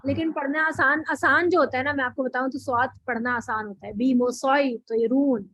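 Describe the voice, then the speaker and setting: A woman's voice: high voice, fairly even intonation, fast, sharp tone, no room sound, rough recording. A woman teaching a recitation class, explaining patiently, often repeating and correcting herself. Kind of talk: online class lesson.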